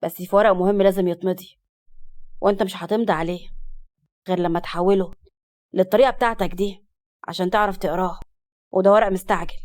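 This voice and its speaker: A woman's voice: fairly even intonation, rapid-fire, pauses often, a little mellow, natural voice. A woman doing a sly, mocking Egyptian man. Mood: spiteful. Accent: Egyptian Arabic. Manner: low mocking drawl. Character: sly scheming male cousin.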